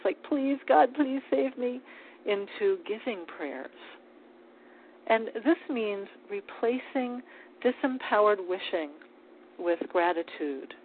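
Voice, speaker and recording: A woman giving a calm, measured spiritual talk on prayer, with small restarts as she speaks. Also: mid-range voice. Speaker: spiritual teacher. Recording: tinny phone-like line with faint hiss.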